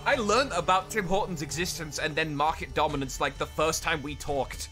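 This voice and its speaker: A man casting a live game stream in casual chat, reading chat aloud with quick asides. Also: a little high, sharp tone, soft background music. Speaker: esports caster.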